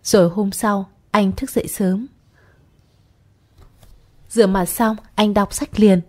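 A woman narrating a literary short story in a steady, storytelling voice. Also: medium pitch, slow. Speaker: audiobook narrator. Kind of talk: scripted narration.

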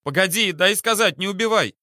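A blustering, panicky police captain, voiced by a male audiobook reader, speaking higher than the reader's own voice in a bright, forceful tone. His threats come out shrill and keep slipping into pleading. The recording is close and dry. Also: expressive, moderate pace, no echo.

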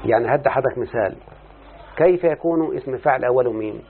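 The speaker, a man with a creaky, mid-range voice, talks fast while explaining a text in an Arabic morphology lesson. Frequently he halts to address and quiz his listener. It's a muffled lo-fi recording resembling a phone call.

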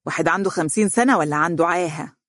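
A man's voice: a little high, rapid-fire, fairly bright tone, no echo, studio quality, close to an everyday voice. A man doing a spiteful gossiping Egyptian neighbor woman. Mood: sneering. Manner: sneering, mocking.

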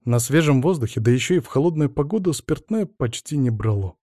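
A man narrating an audiobook in an even storytelling manner. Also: medium pitch, fairly quick, dry recording, clean studio sound. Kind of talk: scripted narration.

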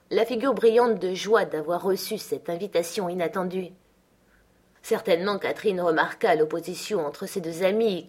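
A woman narrates a classic novel at an unhurried pace, her tone measured and even. She tells the story clearly, without putting on any character voice. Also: fairly low pitch. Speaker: audiobook reader. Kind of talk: scripted literary narration.

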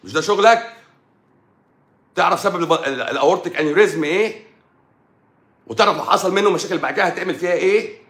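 A man's voice: high-pitched, quick pace, pauses often, fairly bright tone. A middle-aged man with an Egyptian Arabic accent, a doctor ranting combatively on a live stream and firing off rhetorical questions. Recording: echoey room.

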